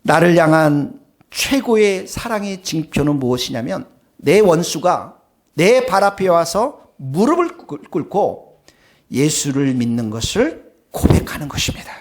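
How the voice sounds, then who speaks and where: A man's voice: a little high, big pitch swings, measured pace. A male pastor delivering a sermon, speaking emphatically and turning often to address the congregation, with plain personal stories mixed in. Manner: tells personal anecdotes in a plain conversational tone.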